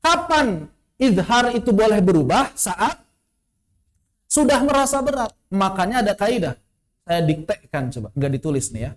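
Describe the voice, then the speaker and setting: Casting note: male Quran teacher, high and animated, asks the class questions and chuckles between points. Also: normal speed. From West Java. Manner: quizzing students, rhetorical questions, chuckles. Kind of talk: online tajwid lesson. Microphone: online class recording.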